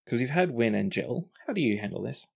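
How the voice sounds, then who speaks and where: Running a tabletop story, a game master narrates conversationally, describing the scene and briefly voicing characters. The mid-pitched voice is a little fast with lively intonation, vocal fry, and a darkish, slightly rough tone.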